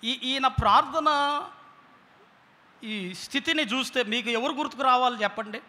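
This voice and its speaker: A pastor, preaching an impassioned sermon and firing rhetorical questions at the congregation. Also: male voice, very high voice, normal speed, bright, forceful tone. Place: church hall. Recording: long church-hall reverb.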